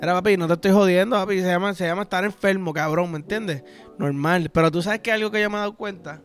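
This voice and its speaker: A high-pitched man with a Puerto Rican accent hosts a podcast. He delivers a crude, rambling, profane comic monologue over faint background music. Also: fast talker, clear, resonant tone. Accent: Puerto Rican Spanish. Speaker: podcast host. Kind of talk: casual comedic podcast monologue.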